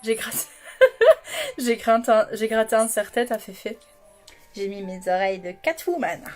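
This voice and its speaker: A woman's voice: fairly high pitch, sing-song, normal speed, faint music behind. Giggly woman streaming live. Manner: giggly, bubbly, talks to chat by name. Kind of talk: chatty livestream talk to viewers. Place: at home.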